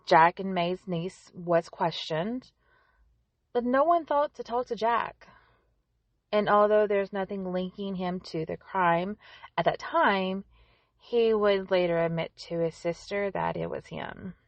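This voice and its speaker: A woman's voice: medium pitch, slow pace, no room sound, highs cut off. A woman hosting a true-crime podcast, narrating a scripted story with conversational asides to the listener.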